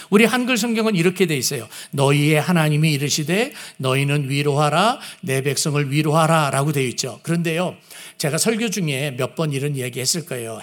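A man preaching a sermon who asks his listeners questions and acts out the lines he quotes. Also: fairly high pitch. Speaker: pastor.

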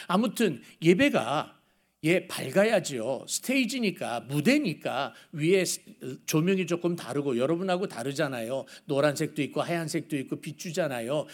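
Middle-aged male pastor, high voice, chatty preaching with anecdotes and rhetorical questions. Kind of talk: sermon.

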